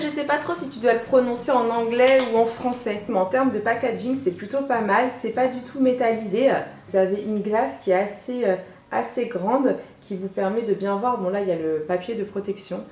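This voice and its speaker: A young woman chatting excitedly to camera as a beauty vlogger, sitting at her makeup table indoors. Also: a little high. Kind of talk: casual beauty vlog. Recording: echoey room.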